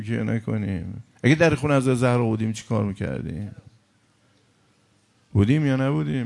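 A man preaching a sermon, passionate, moving between loud outbursts and hushed storytelling. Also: medium pitch, creaky.

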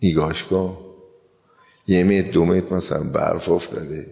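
A man's voice: low voice, steady tone, gravelly, warm tone. An older man from Iran preaching a colloquial sermon, telling stories in a folksy way and acting out the voices of the people in them. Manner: folksy storyteller who acts out the voices in his tales. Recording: dull lo-fi sound with long hall reverb.

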